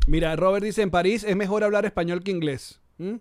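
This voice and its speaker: Venezuelan guy cohosting a podcast, bit high voice, dry close mic, jokey and laughy. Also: steady tone, brisk, a little mellow, dry recording. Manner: joking, laughs often, reads listener comments aloud. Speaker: podcast co-host. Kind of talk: casual chat.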